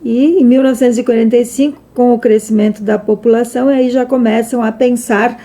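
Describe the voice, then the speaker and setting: A woman hosts a local TV interview. Her voice sits a little high and sounds dark and mellow. She prompts her guest and adds dates and small comments. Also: steady tone, fairly quick. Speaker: TV host.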